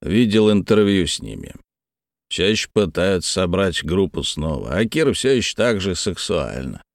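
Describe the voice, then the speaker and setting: A man's voice: low-pitched, very animated, normal speed, no room sound, studio quality. A man voicing a gloomy male truck driver making offhand small talk. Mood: chatty.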